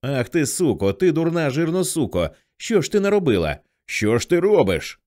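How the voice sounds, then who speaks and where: A man voicing a frantic older teenage girl who shouts at and then pleads with her younger sister. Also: on the low side, big pitch swings, moderate pace. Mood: furious.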